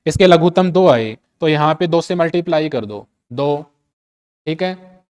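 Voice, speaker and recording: A man's voice: fairly high pitch, lively intonation, a little slow, darkish tone, smooth. A man with a Hindi accent teaching chemistry in a lecture, repeating key steps and asking rhetorical questions to check that students follow. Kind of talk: classroom lecture.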